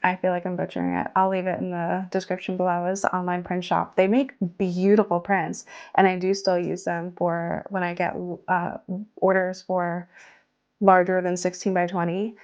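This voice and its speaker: A woman with a lowish, level voice, slightly mellow and at normal speed, narrates a casual vlog from her home art studio, and the recording sounds muffled. An artist and small business owner, she chats through her studio work in a self-deprecating way, laughing often.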